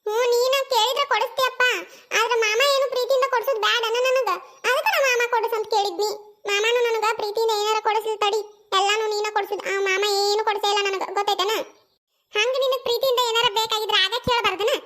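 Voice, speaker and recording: A very high, bright and squeaky cartoon voice, put on by a performer, the cheeky young village woman rattles off her lines at a rapid clip. She has a thick North Karnataka accent and a teasing, quarrelsome manner. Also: steady tone. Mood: teasing, squabbling. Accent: North Karnataka Kannada. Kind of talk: cartoon comedy voice acting.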